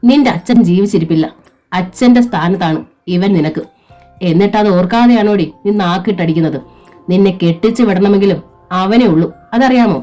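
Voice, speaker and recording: A woman's voice: moderate pace, a little mellow, highs cut off, faint music behind, natural voice. A woman voicing a stern, domineering older mother-in-law who scolds and lectures. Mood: scolding. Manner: scolding, shrill.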